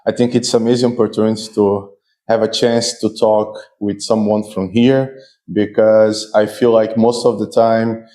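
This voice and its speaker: A male host with a mellow, darker tone runs a casual interview. He asks friendly, talkative questions. His speech moves at an easy conversational pace. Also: fairly low pitch, flat delivery, normal speed.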